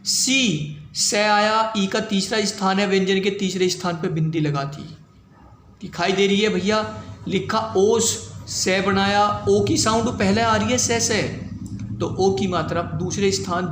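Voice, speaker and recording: A high-voiced man gives a shorthand lesson, walking through each step slowly and often checking that his students follow. He sounds casual and patient. The room echoes, and a faint background noise sits under his voice. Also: a bit bright. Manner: repeats points, keeps asking if it is clear. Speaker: shorthand teacher.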